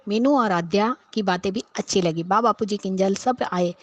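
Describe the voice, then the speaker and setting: A woman's voice: medium pitch, normal speed, dry recording, dull audio. A woman recapping a TV serial episode as a viewer, outspoken and scolding the characters as she goes. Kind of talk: casual episode recap and commentary.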